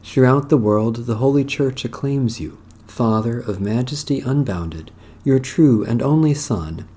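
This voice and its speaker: A man leading worship as clergy, reading prayers and scripture in a solemn, measured, declamatory way. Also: medium pitch, mellow, breathy edge.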